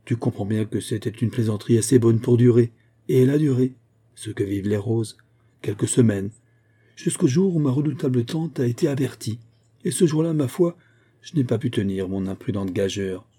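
A man's voice: medium pitch, normal speed, mellow, husky, close to an everyday voice. A man voicing a jovial young male officer in a novel, hearty and teasing as he talks. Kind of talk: audiobook character reading.

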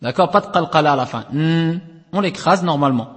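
High-voiced man teaching recitation rules. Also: lively intonation, brisk, long reverb tail. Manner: explanatory, checks understanding with frequent tag questions, chants letters at length. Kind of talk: classroom lesson on Quranic recitation rules.

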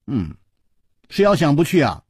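A man's voice: fairly high pitch, wildly swooping pitch, moderate pace, darkish tone, husky, dry recording, studio quality, heavily acted. A man voicing a coquettish, emotional young princess with a coy, pleading manner.

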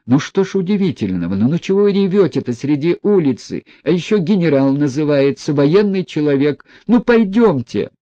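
A man's voice: medium pitch, sing-song, measured pace, warm tone, husky, no room sound, dull audio, exaggerated voice. A man voicing an anxious, impatient teenage boy in an audiobook, urging and scolding in a raised, urgent voice.

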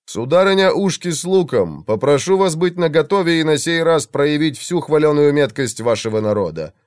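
A man's voice: fairly high pitch, lively intonation, moderate pace, a little mellow, dry recording, clean studio sound, voice pushed up, natural voice. A man voicing a sarcastic male court mage with mock-polite speech.

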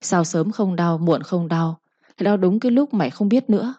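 A woman's voice: on the low side, normal speed, mellow, no room sound, lightly acted. A woman voicing a stern young male master who gives blunt, scolding orders. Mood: brusque. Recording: slightly muffled recording.

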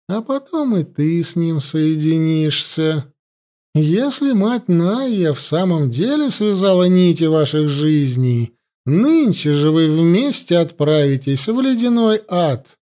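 Cruel high priestess, read by a man: high, lively, harsh and imperious. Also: takes it slowly. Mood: menacing. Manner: commanding, sneering, harsh. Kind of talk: audiobook character voice.

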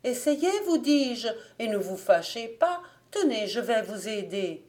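A woman's voice: very animated, measured pace, darkish tone. A woman voicing a frantic young farm servant girl. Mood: teasing. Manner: high-strung, pleading, rising to frantic cries.

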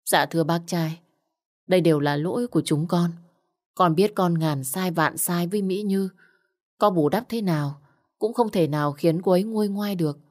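A woman's voice: fairly low pitch, moderate pace, darkish tone, lightly acted. A woman voicing a polite, apologetic young man in a spoken story. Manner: polite, pleading.

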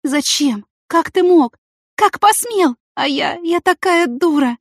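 A fragile, wounded pregnant woman, played by a woman narrator, speaking in tearful, pleading bursts. Her voice is raised high and strained above the reader's normal tone. The audiobook recording is dry and close-miked. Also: lively intonation, slow pace, dry recording, full character voice. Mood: upset.

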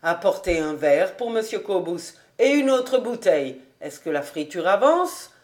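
A man's voice: high-pitched, sing-song, measured pace, darkish tone. A woman voicing a bossy professor in a storybook, who calls out and gives orders at an inn. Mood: ordering.

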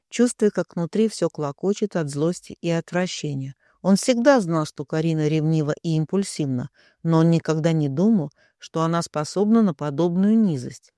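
A man with a slightly high voice narrates a dramatic audiobook in an expressive, even reading. The sound is dry and close, with no room around it. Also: moderate pace, no room sound.

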